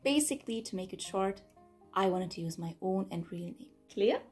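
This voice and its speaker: A woman's voice: medium pitch, animated, normal speed, a little mellow, soft background music. A woman in her mid-twenties, raised in Germany, chatting upbeat in a casual Q&A vlog from her bedroom. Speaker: YouTuber answering fan questions. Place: bedroom, indoors.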